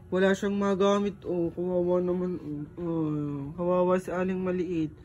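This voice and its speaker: A woman's voice: on the low side, little pitch movement, moderate pace, darkish tone, dull audio. A woman vlogger, talking to viewers in a playful, teasing, coaxing way. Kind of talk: casual vlog.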